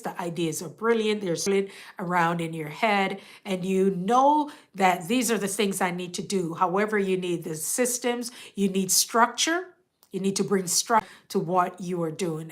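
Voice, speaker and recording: A woman with a medium-pitched, congested and stuffed-up voice hosts a casual live stream, speaking directly to her viewers in a rambling, motivational manner.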